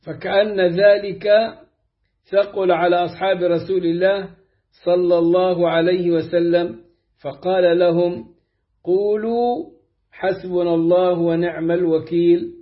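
Man, high voice, measured hadith reading, slow deliberate delivery, muffled lo-fi recording. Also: little pitch movement. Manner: slow, deliberate recitation with drawn-out phrases. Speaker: hadith reader. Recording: dull lo-fi recording.

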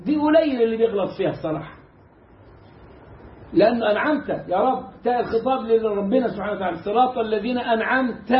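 A man with an Egyptian Arabic accent teaching Quran recitation in a casual, animated way, mimicking mistakes and drawing out the correct sounds. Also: high voice, echoey room, muffled recording. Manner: animated, mimics mispronunciations and demonstrates slow recitation. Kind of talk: casual lesson.

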